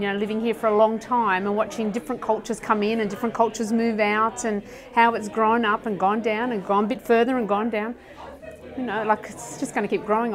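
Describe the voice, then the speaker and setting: A woman, a local business owner, talking in a rambling way with many restarts in a street interview. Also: a little high. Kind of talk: vox pop interview. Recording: street crowd noise behind.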